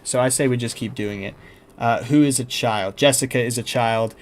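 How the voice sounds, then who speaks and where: A man's voice: mid-range voice, moderate pace. A young man casually chatting with his live-stream audience, reading comments and reacting, with lots of fillers. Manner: chatty, reads chat and script aloud, frequent fillers. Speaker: streamer reacting to horror videos.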